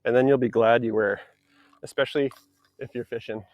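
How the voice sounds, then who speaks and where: A man's voice: mid-range voice, steady tone, brisk, dull audio, slight background noise. A man co-hosting a casual live stream from a lake dock, explaining gear in an easygoing, friendly way. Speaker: co-host presenting paddleboards. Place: outdoors on a floating dock on a lake.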